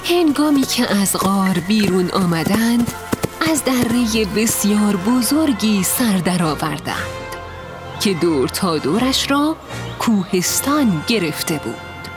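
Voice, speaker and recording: A woman giving scripted storybook narration in an even, clear way, with music behind. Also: medium pitch. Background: background music.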